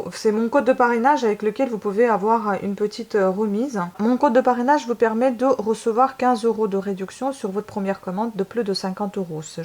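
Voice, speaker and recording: A woman's voice: a little high, darkish tone. Gushing woman unboxing makeup. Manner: gushing, enthusiastic, lots of hesitations. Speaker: beauty vlogger. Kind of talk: casual unboxing vlog.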